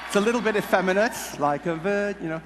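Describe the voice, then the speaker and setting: Wearing a headset mic in a large conference hall, a man gives a funny talk to an audience, telling stories in a jokey, halting, rambling way. His voice is high-pitched, and the hall PA sound is echoey with background noise.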